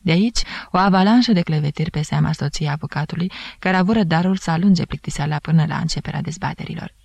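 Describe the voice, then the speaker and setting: A woman narrating a novel aloud in a measured, even reading. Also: low voice, vocal fry, breathy edge, no room sound, dull audio. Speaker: audiobook narrator. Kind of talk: scripted literary narration.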